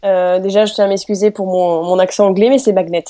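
A woman's voice: mid-range voice, little pitch movement, fast, a crowd in the background. A woman talking as a guest on a music chat show, giving hesitant, brief answers. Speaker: guest panelist. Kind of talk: casual chat.

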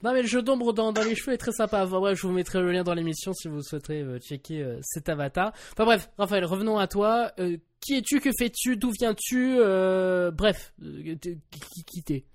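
A man hosting a music podcast, with a fairly high voice and an upbeat, jokey delivery. He stresses his lines to introduce guests and topics. The sound is dry and close. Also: brisk, hardly any pauses, dry recording. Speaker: podcast host. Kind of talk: hosted music talk show.

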